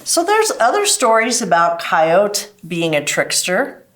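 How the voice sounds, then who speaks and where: A woman's voice: medium pitch, wildly swooping pitch, unhurried, a bit bright. A woman hosting a children's library program, explaining stories and crafts to kids in simple step-by-step terms. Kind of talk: children's craft lesson and storytime talk.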